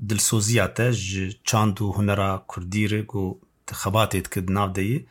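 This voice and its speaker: Low-voiced man hosting an interview. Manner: steady, frequent short backchannel murmurs. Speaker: interview host. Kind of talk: interview questions.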